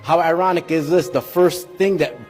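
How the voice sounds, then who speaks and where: Man, 40s, emotional testimony, earnest, slightly high voice, soft music underneath. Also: steady tone, normal speed. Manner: earnest, heartfelt storytelling with restarts. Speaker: speaker giving a personal testimony.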